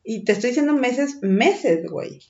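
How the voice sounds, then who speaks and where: A woman with a Mexican accent tells a personal story in casual chat, animated and full of slang and swearing. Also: fairly high pitch, moderate pace, dull audio.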